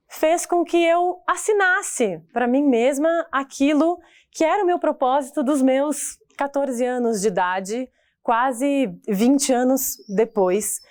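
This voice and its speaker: A woman with a Brazilian Portuguese accent, a singer and voice teacher, telling her own life story in a heartfelt, reflective talk. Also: sits high. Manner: heartfelt, reflective, pauses and restarts.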